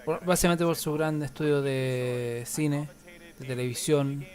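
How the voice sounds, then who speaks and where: Chilean male stream host, slightly high voice, loose rambling commentary. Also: steady tone, normal speed. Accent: Chilean Spanish. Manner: casual, rambling filler talk while waiting.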